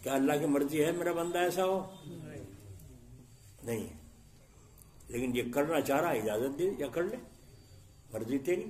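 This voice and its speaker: Middle-aged male preacher, fairly high voice, sermon delivered with rhetorical questions and sudden loud bursts. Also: lively intonation, long pauses. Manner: rhetorical questions to the congregation, acts out scenes with sharp shifts in loudness. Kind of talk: Islamic sermon.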